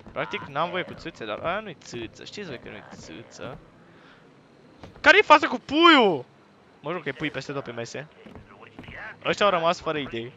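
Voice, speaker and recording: A young man from Romania commentating a horror game he is playing, with crude jokes and sudden loud yells at the screen. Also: on the high side. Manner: crude joking banter, bursts into loud yelling at the game. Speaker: gaming YouTuber.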